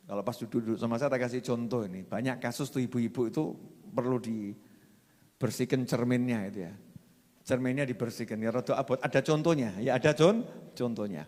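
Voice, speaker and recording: A man with a Javanese accent preaching a sermon, swinging from soft asides to loud, animated passages and acting out quotes. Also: mid-range voice, brisk, big-room sound.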